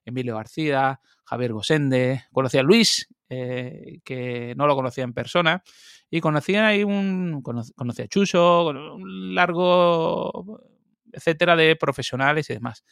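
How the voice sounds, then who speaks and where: Lively man telling stories. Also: fairly high pitch, creaky, smooth, dry recording, clean studio sound. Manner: lively, animated, quick asides and laughs. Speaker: interview guest. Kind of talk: casual storytelling.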